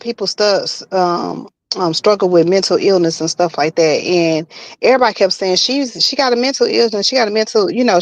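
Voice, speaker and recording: A woman talking casually and personally as a guest, halting and repeating herself as she searches for words. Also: medium pitch, no echo. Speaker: guest telling of being bullied online.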